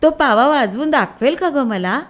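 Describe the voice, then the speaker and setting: A woman voicing an eager, trusting little boy in a storybook tale, with high, childlike questions. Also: expressive, normal speed.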